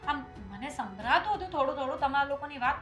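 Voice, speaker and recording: A woman plays a timid, placating daughter-in-law. Her voice is high, and she speaks hesitantly, stumbling over her words. Faint music plays underneath. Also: lively intonation, fast talker, fairly bright tone. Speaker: actor in a short film. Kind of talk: family drama acting.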